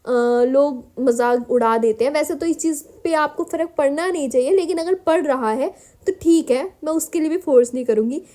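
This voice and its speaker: An Indian woman teaches spoken English in a warm, high-pitched voice at a normal speed. She mixes Hindi with English phrases throughout the lesson, encouraging viewers and calling them her children.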